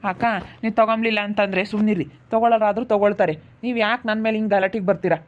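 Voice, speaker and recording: A woman's voice: mid-range voice, fairly even intonation, racing, lo-fi sound, a little hiss or hum, natural voice. Woman playing a harried vegetable seller man. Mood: pleading. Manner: defensive, pleading.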